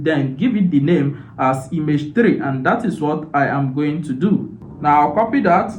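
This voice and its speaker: A man talks through a screen tutorial one step at a time, leaning on "so" and "now". His voice sits a little high for a man. The recording has a roomy echo and a faint hum of background noise. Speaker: tutorial host.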